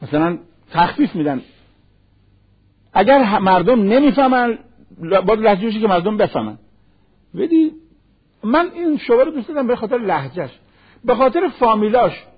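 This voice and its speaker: Husky high-voiced preacher on lo-fi radio. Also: male voice, big pitch swings. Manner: quotes Arabic verses and hadith in a slow recitation; rhetorical questions, acts out imagined speakers. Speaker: cleric. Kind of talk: sermon on marriage. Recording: dull lo-fi radio broadcast.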